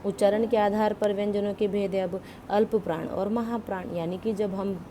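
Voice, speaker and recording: Woman, teacher, grammar lesson, asks and answers her own questions, mixes in English words, mellow tone, faint background noise. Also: medium pitch, fairly even intonation, moderate pace. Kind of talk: explaining Hindi grammar to school students.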